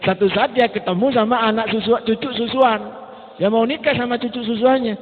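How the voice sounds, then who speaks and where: A man with an East Javanese accent giving a religious study lecture as an Islamic teacher, telling stories lively and acting out the people he quotes. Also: very high voice, fairly quick. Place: lecture gathering indoors. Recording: tinny lo-fi recording in echoey hall.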